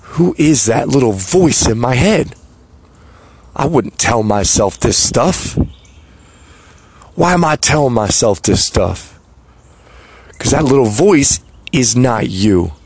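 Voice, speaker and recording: Man, podcast host, motivational monologue, slow deliberate delivery, rhetorical asides. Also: medium pitch, animated, vocal fry, a little mellow, slightly rough, no echo.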